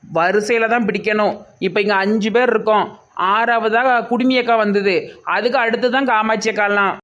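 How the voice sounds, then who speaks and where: A woman's voice: medium pitch, steady tone, normal speed, a bit bright, dull audio. A woman with a Tirunelveli Tamil accent, playing a brash, scolding villager in a comedy sketch.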